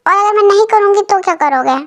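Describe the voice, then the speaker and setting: A woman's voice: very high voice, animated, fast, a bit bright, exaggerated voice. A woman voicing a feisty young female waiter who talks back sharply and defiantly.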